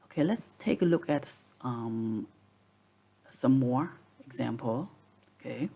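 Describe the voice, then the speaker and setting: Slow, gravelly-voiced male teacher. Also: mid-range voice, animated, warm tone. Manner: patient, repeats rules and examples. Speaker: English teacher. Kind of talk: explaining grammar lesson.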